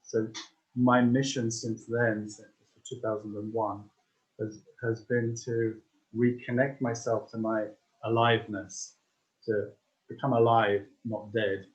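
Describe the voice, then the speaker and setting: A man's voice: fairly low pitch, flat delivery, takes it slowly, poor audio. A man trainer speaking in a reflective, hesitant way over a video call. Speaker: nonviolent communication trainer.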